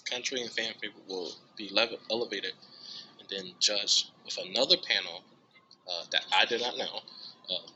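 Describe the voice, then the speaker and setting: In a casual storytelling interview, an American drummer in his youth chats easily about his music in a very bright voice over light background noise. He's animated, and when he quotes himself his pitch jumps into high, squealing exclamations. The audio sounds dull.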